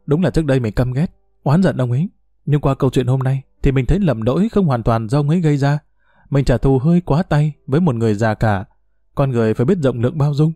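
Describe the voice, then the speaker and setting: A man's voice: medium pitch, quick pace, mellow, dry recording, soft background music, close to an everyday voice. A man voicing a kind, forgiving young woman who talks politely and earnestly to an older man.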